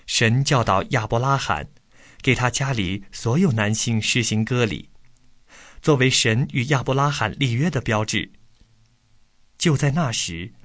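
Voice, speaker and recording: A man calmly reading a Bible story aloud from a script, then posing study questions to listeners. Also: mid-range voice, dry recording, studio quality.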